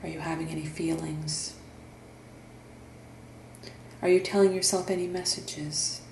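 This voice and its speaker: A woman guides a meditation very slowly, leaving long pauses between her gentle instructions. Her voice sits low and is soft-edged, mellow and gravelly, with a steady tone. The recording has a roomy echo and faint background noise.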